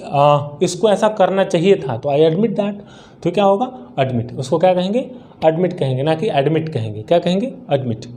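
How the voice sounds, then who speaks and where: High-voiced man teaching English. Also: warm tone. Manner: repeats each word slowly in drills; asks and answers his own questions. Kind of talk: spoken English lesson.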